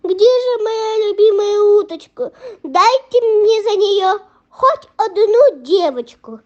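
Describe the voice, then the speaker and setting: A woman's voice: very high voice, expressive, takes it slowly, heavily acted. A young female reader voicing a sly, pushy little female fox in a children's folk tale, wheedling and demanding. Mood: indignant, demanding. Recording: muffled lo-fi recording.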